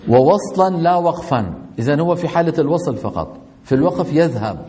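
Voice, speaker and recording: A man's voice: fairly high pitch, mellow. A middle-aged man teaching a tajweed lesson, often putting questions to his students and answering them himself. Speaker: Quran recitation teacher.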